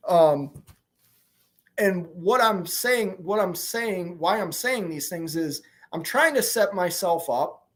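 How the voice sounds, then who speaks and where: A man in his forties with a high, animated voice speaks slowly. An owner-operator trucker, he chats frankly and loosely on a livestream, responding to comments and leaning on "you know what I mean."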